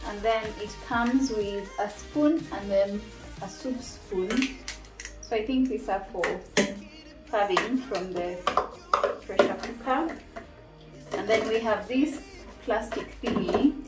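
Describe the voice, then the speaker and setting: Taking her time and pausing often, a young woman from Tanzania with a medium-pitched voice chats through a casual home review of a kitchen gadget, showing each piece as she goes. She's a cooking vlogger recorded on a camera mic from a few feet away, giving a roomy, distant kitchen sound over background music.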